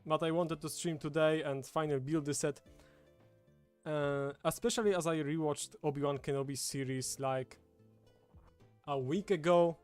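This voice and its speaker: This livestream host from Poland, a native Polish speaker with a Polish accent, chats casually at an indoor table with a streaming setup. His fairly high voice has a darkish, clean tone, fairly even intonation, and normal speed. Background music plays.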